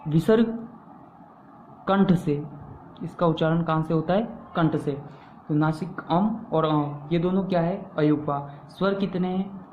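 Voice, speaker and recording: Slow, echoey male teacher on a thin line. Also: a little high, fairly even intonation, slight background noise. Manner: asks the class questions and answers them himself; repeats key terms for emphasis. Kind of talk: classroom-style grammar lesson. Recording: echoey room over a tinny phone-like line.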